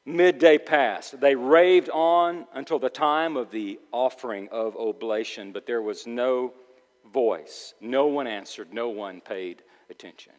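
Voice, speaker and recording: A man preaching a sermon, reading Scripture aloud with dramatic rises into near shouts. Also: mid-range voice, slow pace. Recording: long reverb of a large hall.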